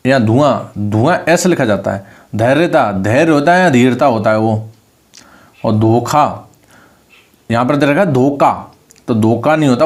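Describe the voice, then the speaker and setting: A man with a Rajasthani Hindi accent teaches an online spelling class. His voice sits at an ordinary middle pitch. He says each word again and again, lifting his voice on the correct spelling. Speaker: Hindi exam tutor.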